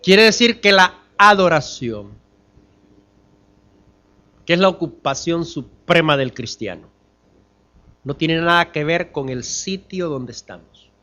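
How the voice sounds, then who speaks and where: A man preaching a sermon as pastor, asking the congregation questions and swinging from loud emphatic lines to hushed ones. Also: a little high, animated, slow pace, long pauses. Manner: addresses the congregation as brothers.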